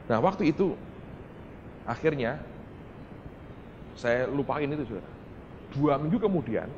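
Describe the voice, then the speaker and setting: Male pastor, storytelling sermon, animated pitch, big hall reverb with a faint rumble. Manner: storytelling, lively swings from quiet asides to loud outbursts.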